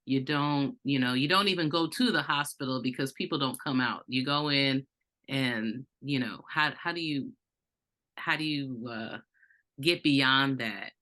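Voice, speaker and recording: Woman host asking slow drawn out questions, bright tense voice. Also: a bass voice. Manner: slow, searching questions with frequent backchannels. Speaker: podcast host. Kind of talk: interview conversation.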